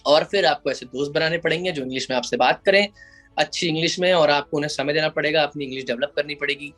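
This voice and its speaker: A man's voice: fairly high pitch, fast talker, a bit bright, soft background music. A man who is an advocate, answering interview questions in an explanatory way and slipping English phrases into his Hindi. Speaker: advocate and IP lawyer.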